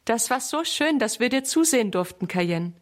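A woman's voice: fairly high pitch, animated, normal speed, lightly acted. A woman voicing a shy young schoolgirl in a children's story.

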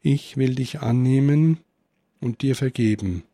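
A man voicing the gentle, forgiving Christ child in a read-aloud Christmas story, speaking softly and calmly. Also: medium pitch, a little slow, breathy edge, dry recording, studio quality.

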